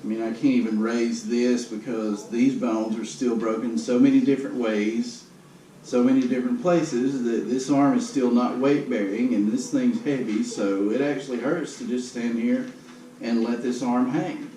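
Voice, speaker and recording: A man's voice: medium pitch, steady tone, moderate pace, mellow. Downbeat man in a roomy, distant recording. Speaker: vlogger giving a personal health update. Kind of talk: casual spoken video update. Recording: roomy, noisy, distant camera microphone.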